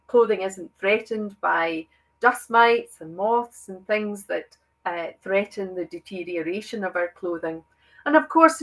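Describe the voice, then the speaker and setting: A woman's voice: mid-range voice, low-quality recording. A woman researcher presenting at a conference and chairing the session, speaking earnestly with emphatic stresses and frequent fillers. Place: online conference.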